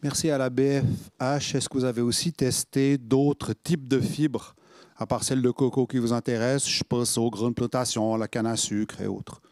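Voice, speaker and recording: A man's voice: mid-range voice, fairly even intonation, moderate pace, darkish tone, no echo. A man asking an unscripted question at a public discussion.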